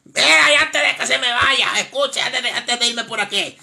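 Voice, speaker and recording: A man voicing a preachy, strict old church lady of about seventy who scolds in a shrill voice, in a comedic live-stream skit. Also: moderate pace, sharp tone, heavily acted. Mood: scolding.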